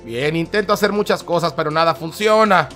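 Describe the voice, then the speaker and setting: A man's voice: fairly high pitch, fairly quick, bright, forceful tone, soft background music. A man giving dramatic, exclamatory gameplay commentary that narrates every move. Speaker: gaming channel host.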